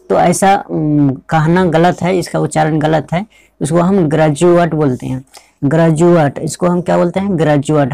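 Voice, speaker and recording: A male teacher explains pronunciation at a steady, patient pace, spelling words out letter by letter and repeating each one. His voice is gravelly and mellow, and the recording is dry and close. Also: on the high side, dry recording. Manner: repeats words and asks the listener rhetorical checks. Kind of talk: classroom-style explanation.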